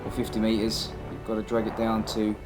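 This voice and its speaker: This amateur hunter's voice-over for his own footage comes in a lowish voice, completely flat and a little fast. He keeps it casual, plain-spoken, and matter-of-fact, as though chatting. Music plays in the background behind his narration.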